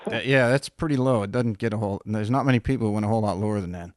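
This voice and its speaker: A man's voice: lowish voice, very fast, dry recording, clean studio sound. A man hosting a podcast, asking rambling, searching questions in a casual interview. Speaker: podcast host.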